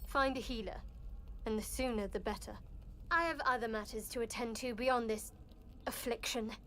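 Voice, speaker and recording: An actress playing a guarded, pragmatic adventurer in a fantasy game, cool and curt. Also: female voice, on the high side, normal speed, fairly bright tone, slight background noise, natural voice. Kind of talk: video game character dialogue.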